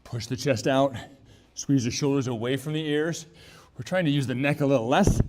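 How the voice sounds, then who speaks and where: A man talks viewers through a strength and mobility workout while exercising himself. He breathes out hard between moves and keeps a relaxed, chatty coaching manner at an ordinary mid-range pitch. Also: moderate pace. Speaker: fitness trainer. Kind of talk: workout instruction.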